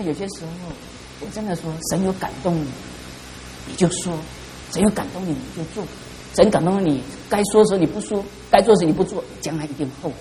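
A middle-aged man preaching a sermon as pastor, fervent and calling out to the congregation for responses. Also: high voice. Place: church hall. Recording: reverberant church hall.

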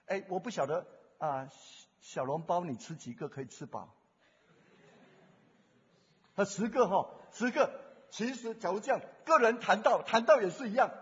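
A man preaching as a pastor, retelling a story and acting out the dialogue, swinging between loud and hushed. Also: high-pitched. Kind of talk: sermon with retold personal story. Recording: dull echoey hall recording.

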